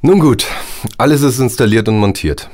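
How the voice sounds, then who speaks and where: An actor playing a businesslike, evasive house system technician in a radio drama, speaking in a clipped, officious and slightly hesitant way. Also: male voice, mid-range voice, moderate pace, a little mellow, lightly acted.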